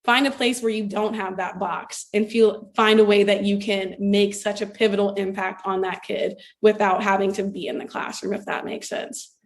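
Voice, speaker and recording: A woman's voice: mid-range voice, level tone, normal speed, few pauses. A young adult woman from Ohio, a former elementary school teacher, speaking earnestly and reflectively as an interview guest. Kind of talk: conversational interview.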